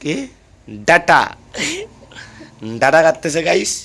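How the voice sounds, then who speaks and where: A young man chatting to viewers while filming a casual phone vlog at home and on local roads, slightly hoarse. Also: fairly high pitch, fairly even intonation, slow, pushed and bright. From India. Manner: chatty, addresses viewers as "guys". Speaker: vlogger.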